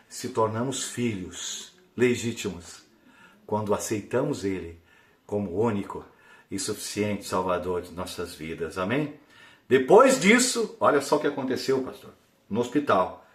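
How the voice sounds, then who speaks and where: A man giving an emotional church testimony, dropping to a hush and then rising to near-shouts. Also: on the low side, lively intonation, a little slow. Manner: fervent, swings from hushed to near-shouting. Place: church hall. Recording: echoey hall with faint instrument.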